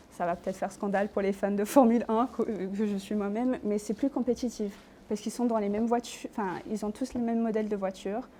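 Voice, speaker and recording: A woman's voice: on the high side, warm tone, slight background noise. A young woman answering questions in an admissions interview, hesitant, with many fillers and self-corrections. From Australia. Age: young adult. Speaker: interview candidate.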